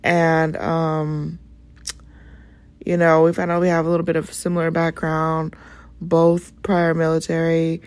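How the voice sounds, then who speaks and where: A woman hosting her own podcast, telling a personal story in a chatty, animated way. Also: measured pace, no echo. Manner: chatty and animated, jumps into high voices for quotes. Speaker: podcast host. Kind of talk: casual storytelling monologue.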